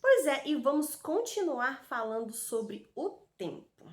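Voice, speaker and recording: A Brazilian woman teaches young children online, her voice swinging up and down in a lively sing-song. She sounds out letters and syllables slowly and calls the kids by affectionate pet names. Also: high-pitched. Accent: Brazilian Portuguese. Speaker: primary school teacher. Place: home recording with street dogs barking outside.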